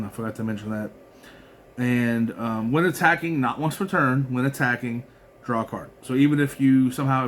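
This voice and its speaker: A man talks through his card game deck in a loose, rambling way, reading effects aloud and often restarting mid-thought. His pitch sits in an ordinary middle range. A faint hiss of background noise runs under the recording. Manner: rambling, filler-heavy, reads card text aloud with frequent restarts. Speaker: card game content creator. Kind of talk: casual deck walkthrough.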